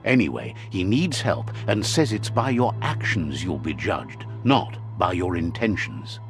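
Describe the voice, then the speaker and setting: In a deep, low voice that rises and falls widely, a middle-aged man tells a story with an expressive touch. He sounds measured and wise, like a scripted narrator, and soft music plays underneath.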